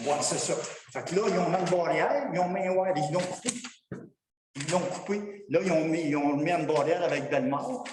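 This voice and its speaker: A man's voice: a little high, moderate pace. Frustrated Québécois man speaking from far off in an echoey hall. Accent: Québécois French. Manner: rambling, frustrated, colloquial storytelling. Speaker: citizen at council question period. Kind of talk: public comment at a town council meeting. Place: municipal council hall. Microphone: far from the microphone. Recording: echoey hall, distant mic, noise.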